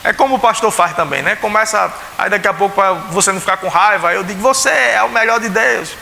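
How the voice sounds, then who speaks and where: A man's voice: high-pitched, quick pace, creaky, bright, forceful tone. A male pastor with a Pernambuco Brazilian accent preaching a sermon in a church, chatty and full of rhetorical questions, acting out the voices he quotes. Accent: Pernambuco Brazilian Portuguese. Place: church sanctuary. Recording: echoey church hall, faint hiss.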